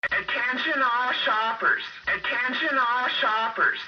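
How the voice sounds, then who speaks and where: A woman making a formal announcement over a store loudspeaker, played as part of a song. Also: on the high side, takes it slowly. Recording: distant, dull public-address sound over loud music.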